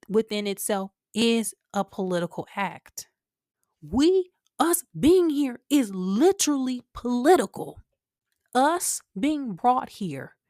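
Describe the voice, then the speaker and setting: Her fairly high voice comes through a dry, clean studio recording as this American podcast host addresses her audience directly. She offers loose, opinionated takes, emphatic and colloquial in tone.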